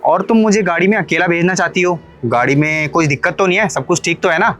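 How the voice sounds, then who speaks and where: A man's voice: sits high, quick pace, fairly bright tone. A man voicing a suspicious young husband in a cartoon story, pleading and questioning, then accusing, with faint music behind him. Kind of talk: Hindi cartoon story dubbing.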